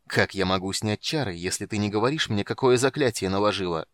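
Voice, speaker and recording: A man's voice: lowish voice, a little fast, no echo, clean studio sound, natural voice. A man doing a sickly, hissing young mage. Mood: bitter. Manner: hissing, harsh, coughing. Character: sickly bitter young male mage, furious.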